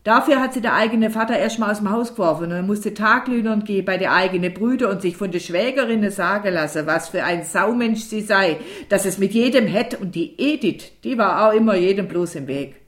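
A woman's voice: low voice, lively intonation, fairly quick, few pauses. A woman reading an audiobook and voicing a bitter, weary rural mother who scolds sharply. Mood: bitter scolding. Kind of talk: audiobook character voice.

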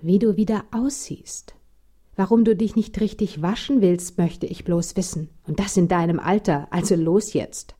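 A woman doing a shrill nagging mother. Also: normal speed, warm tone, slightly rough. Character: strict nagging mother, sharp and disapproving.

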